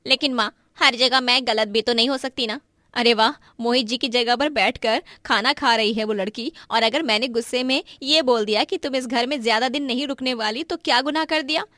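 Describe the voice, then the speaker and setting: A woman voicing a sharp-tongued young daughter-in-law. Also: fairly high pitch, brisk, dry recording, studio quality. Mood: sharp taunting. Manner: sharp, taunting.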